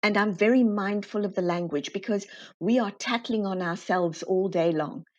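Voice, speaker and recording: A woman guest in an interview, explaining her work in a lively way and acting out the dialogue she quotes. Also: medium pitch, moderate pace. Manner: animated, acts out quoted dialogue. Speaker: guest, constellation facilitator. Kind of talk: conversational interview storytelling. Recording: slightly dull, muffled audio.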